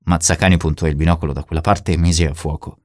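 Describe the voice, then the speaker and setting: A man with a very low, deep voice narrates a crime novel in a steady, measured reading. The sound is close and dry, with no room around it. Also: dry recording. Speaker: audiobook narrator. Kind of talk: scripted narration.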